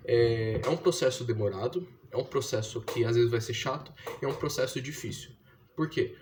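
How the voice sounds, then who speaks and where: A man's voice: medium pitch, moderate pace, a little mellow, slight background noise. A young man from Brazil, talking casually and explaining step by step, with slangy fillers. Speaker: vlogger teaching his younger sister to read. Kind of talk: casual slangy monologue to camera.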